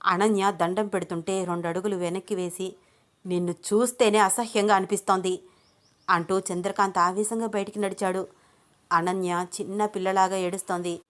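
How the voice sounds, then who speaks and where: A woman storyteller reading a scripted love story with steady, expressive narration. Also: mid-range voice, a little fast.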